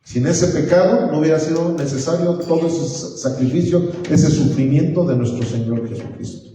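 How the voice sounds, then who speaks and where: A man's voice: fairly high pitch, moderate pace, warm tone. A man teaching an evangelism class in church, asking the class to read out verses. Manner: asks the class to read verses, preachy and encouraging. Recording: echoey hall from far off, faint room noise.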